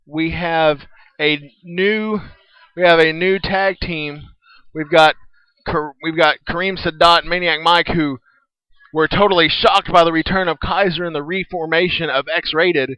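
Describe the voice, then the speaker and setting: A man announcing wrestling on a small online radio show. His voice is high and crisp, and the sound is very dry and close. He talks through a worn-out, hoarse throat after hours of screaming. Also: no echo, dull audio. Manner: excited shouting calls, then rambling wrap-up talk.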